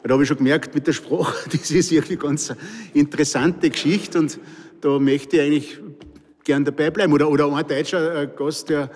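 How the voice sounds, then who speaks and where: An older man, 60s or beyond, from Pinzgau in Salzburg, Austria, speaks with that regional accent in a fairly high, darkish voice that moves fairly quickly with fairly even intonation. He's an author telling live anecdotes and reading his own stories to an audience with wry, dry humour. The echoey hall adds long reverb.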